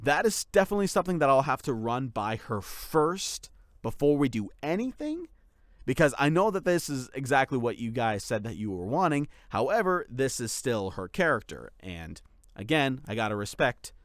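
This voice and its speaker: A channel creator and voice actor gives his followers a series update, talking casually and unscripted, rambling and frequently restarting sentences. His voice is medium-pitched, recorded dry with clean studio sound.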